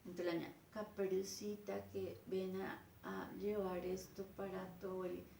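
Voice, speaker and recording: A woman's voice: medium pitch, moderate pace, vocal fry. A woman teacher, giving a lecture and acting out scenes between a teacher and her pupils. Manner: animated, acts out teacher and children in changing voices. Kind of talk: lecture with acted classroom scenes. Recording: echoey room.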